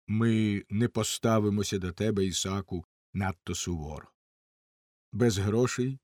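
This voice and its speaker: A man's voice: medium pitch, a little mellow, dry recording, natural voice. A confident outlaw leader addresses his men and a captive with commanding, easy generosity, as a male reader voices him. The tone is wry and assured, in a mid-range voice. The recording is dry and close.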